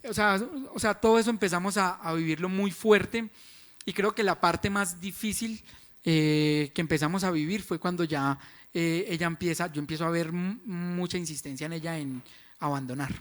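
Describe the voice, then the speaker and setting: A man's voice: high voice, moderate pace, fairly bright tone. A man, frankly telling the story of his marriage in a church testimony. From Colombia. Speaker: husband sharing a testimony.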